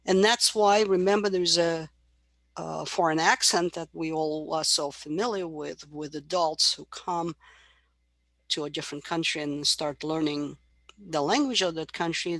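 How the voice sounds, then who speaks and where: Gravelly-voiced woman lecturing on psychology. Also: sits low, fairly bright tone, no room sound. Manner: explanatory, imitates baby babbling sounds. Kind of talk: university lecture.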